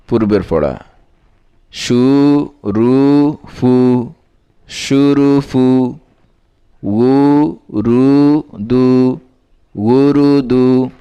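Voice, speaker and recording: A man teaching Quran reading, who sounds out each syllable slowly and repeats whole words several times, with quicker spoken instructions in between. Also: dark tone, clear, resonant tone, lo-fi sound. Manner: brisk, lower-voiced asides explaining between drills. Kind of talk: slow syllable-by-syllable recitation lesson.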